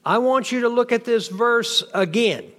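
High-pitched guy teaching bible study to a small group, keeps asking questions then answering them. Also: fairly bright tone. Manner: rapid rhetorical questions, answering them himself. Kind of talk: interactive bible class lecture.

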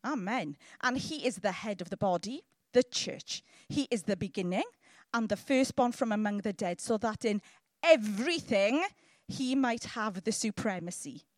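Hailing from Llanelli in south Wales, a woman preacher with a Welsh accent delivers a lively, informal sermon, teasing her congregation and frequently checking in with quick questions. Her voice is mid-range at a normal speed, with no room sound.

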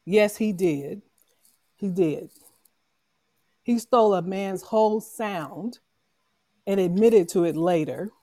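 A woman's voice: medium pitch, takes it slowly, pauses often, warm tone, no echo. A woman speaking as a panel guest in a casual online audio room, making her case earnestly and growing impassioned. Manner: earnest, building into impassioned argument.

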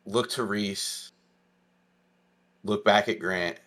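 A man with a lowish voice runs a tabletop game as its game master. He narrates the scene and hands out rulings in an easygoing, plain-spoken way, swearing now and then. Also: steady tone, slow, a bit bright.

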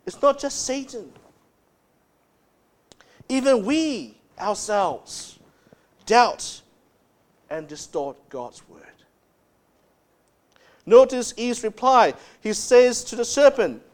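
Slow, high-voiced man preaching a sermon. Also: very animated. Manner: emphatic preaching, drops low and soft to stress words. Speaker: pastor.

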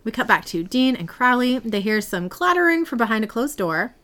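A woman's voice: fairly high pitch, big pitch swings, brisk, a bit bright. A woman hosting a podcast, casually recapping a TV episode in a chatty, giggly storytelling way.

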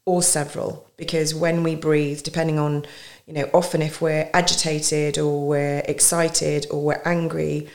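A woman in her forties, a coach, explaining a calming technique in a relaxed podcast conversation with thoughtful pauses. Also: sits low. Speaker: guest coach.

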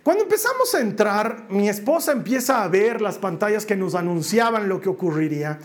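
High-voiced man preaching. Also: a little fast. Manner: animated storyteller who acts out family voices. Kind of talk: sermon with a personal story.

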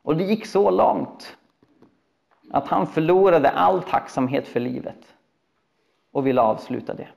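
A man preaching a sermon, telling stories in an animated, expressive way with acted quotes. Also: a little high, vocal fry, pauses often, highs cut off. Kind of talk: sermon storytelling.

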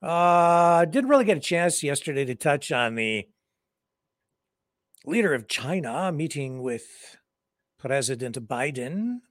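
A man's voice: on the high side, very animated, slow pace, no echo, studio quality. A man hosting an online news show, talking casually and sardonically to his viewers. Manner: chatty, sardonic, asides to viewers. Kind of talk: casual opinion commentary.

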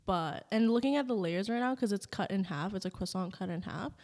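A woman's voice: medium pitch, lively intonation, fairly quick, a little mellow. A young woman gives a casual, chatty food review. She talks informally and feels her way through her thoughts with lots of "like". The room rings with long reverb. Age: young adult. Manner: hesitant, informal, frequent "like". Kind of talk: casual food review chat while tasting.

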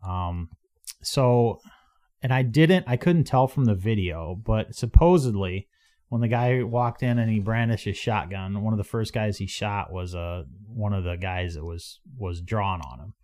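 A man's voice: lowish voice, a little slow, darkish tone. A man hosting a casual podcast conversation in a blunt, informal manner. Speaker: podcast host. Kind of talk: casual chat.

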